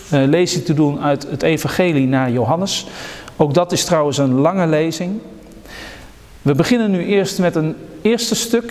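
A pastor reading a children's story and scripture aloud in a church service, calm and steady. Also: male voice, on the high side, long reverb tail. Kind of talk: sermon with Bible reading.

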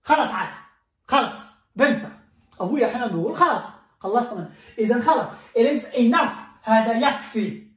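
A man teaching an English lesson in a classroom, quizzing his students in a lively way. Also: very high voice, a little fast. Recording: roomy, distant mic.

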